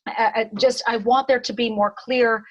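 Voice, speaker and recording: A woman with a fairly high voice leads a casual group conversation. She rambles a little, circling back and repeating words as she thinks aloud. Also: steady tone, normal speed, highs cut off. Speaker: group host.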